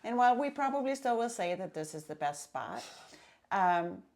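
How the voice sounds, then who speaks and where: A woman, co-hosting a podcast in unhurried casual chat full of filler pauses. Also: medium pitch, big pitch swings. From Denmark. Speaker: podcast co-host.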